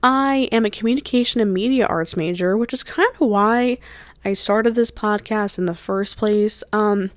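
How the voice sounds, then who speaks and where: With a mid-range voice at a moderate pace, a New Jersey woman in her early twenties talks casually on her own solo podcast. She rambles chattily, filling her speech with fillers and restarts. The recording has no room sound.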